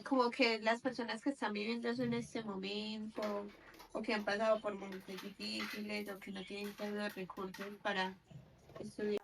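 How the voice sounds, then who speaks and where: A woman hosting a podcast, asking gentle questions while searching for words. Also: mid-range voice, slight background noise, rough recording. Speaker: podcast host. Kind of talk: interview questions.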